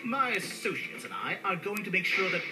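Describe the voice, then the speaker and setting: Wildly animated pompous cartoon villain. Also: male voice, high voice, a little fast. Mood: smug, menacing. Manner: theatrical, pompous, mock-polite. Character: scheming, grandiose little cartoon villain claiming to be sheriff. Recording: played from a television, re-recorded. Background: cartoon music.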